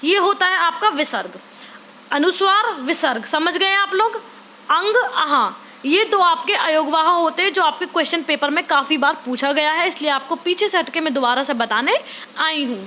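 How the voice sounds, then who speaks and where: A woman's voice: very high-pitched, expressive, moderate pace, sharp tone, a little hiss or hum. A woman teacher giving an online exam-prep lesson, explaining step by step and asking students to try each sound aloud.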